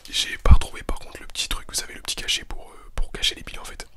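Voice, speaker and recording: A man speaks in a breathy, fully whispered voice, moving along quickly. It is casual, rambling ASMR chat, close on the mic, with words and little phrases softly repeated. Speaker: ASMR video host. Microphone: close handheld-style stereo recorder.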